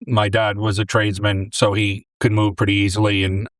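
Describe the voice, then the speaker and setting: A man from New York in his forties, a deli owner and former English teacher, telling his story in a relaxed, rambling way on a close podcast mic. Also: fairly low pitch, fairly quick, no room sound. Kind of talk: casual interview storytelling.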